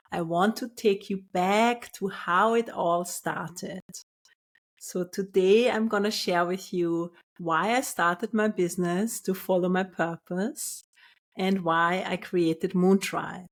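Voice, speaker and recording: Slow, calm Austrian-born woman host. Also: mid-range voice. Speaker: podcast host, spiritual business coach. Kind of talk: scripted solo podcast.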